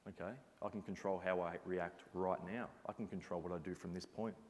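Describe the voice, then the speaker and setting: A man's voice: low-pitched, flat delivery, a little fast, a little mellow. A man giving an earnest, reflective motivational talk as a former basketball captain. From Australia. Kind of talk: motivational presentation. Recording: reverberant hall sound.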